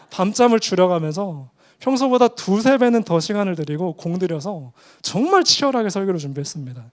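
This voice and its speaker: Pastor, male, high and lively voice, animated storytelling sermon. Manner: animated storytelling with acted quotes and laughter.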